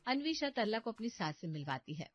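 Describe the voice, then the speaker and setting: A woman storyteller giving scripted narration of a family story in an even, matter-of-fact way. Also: a little high, brisk, dry recording, highs cut off, faint music behind.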